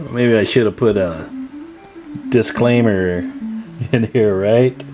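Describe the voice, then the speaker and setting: A hobbyist radio repair demonstrator who hosts his own channel walks viewers through hands-on work in a fairly low voice. He speaks slowly, casual and folksy, thinking aloud with joking asides while music plays in the background.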